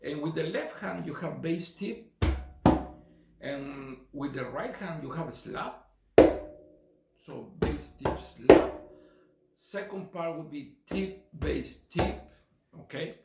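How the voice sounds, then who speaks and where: Loud music plays behind this middle-aged Chilean man as he leads a relaxed percussion lesson in his Chilean Spanish accent. His voice is a little high and gravelly, slow, with long pauses, many fillers, and beats counted aloud, all in an echoey room with faint noise.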